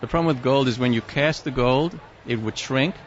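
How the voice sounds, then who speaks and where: A man's voice: mid-range voice, brisk. A man with a South African accent, a prosthodontist guest on a radio interview, explaining things carefully. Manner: explanatory, precise. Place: outdoor expo booth. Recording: dull lo-fi sound, faint street noise.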